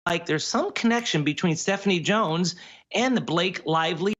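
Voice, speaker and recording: A man giving legal analysis in a television news interview, explaining the case in quick, measured commentary. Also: high voice, fairly bright tone, dull audio.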